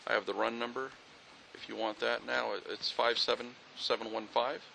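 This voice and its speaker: Gravelly man giving a methodical briefing. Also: medium pitch, flat delivery, moderate pace, bright, forceful tone, slight background noise, poor audio. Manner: methodical, factual, with fillers. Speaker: police officer briefing investigators. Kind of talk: on-scene incident briefing. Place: outdoors at a street scene.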